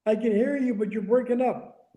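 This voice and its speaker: An older man, once a wrestler, tells casual anecdotes as an interview guest on a remote group voice call, repeating phrases for emphasis. His voice is very high and mellow at a normal speed, and the call audio is echoey.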